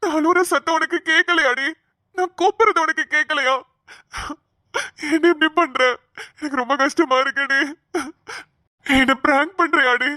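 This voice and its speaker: A woman voicing a distraught young man who cries and begs his injured love to wake up in an animated cartoon. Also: sits high, moderate pace, pauses often, dry recording, studio quality. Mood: grieving. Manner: pleading, sobbing, repeating her name. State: crying.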